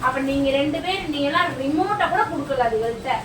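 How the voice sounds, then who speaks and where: A woman's voice: high-pitched, expressive, quick pace. A woman acting a strict aunt who scolds and lectures children at home. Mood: lecturing. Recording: echoey room, far from mic, noisy.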